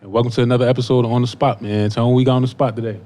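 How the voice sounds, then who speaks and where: A man hosting a casual podcast, asking questions in a relaxed way with plenty of encouraging "mm-hmm"s. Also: mid-range voice, very fast. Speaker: podcast host. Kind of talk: casual interview chat.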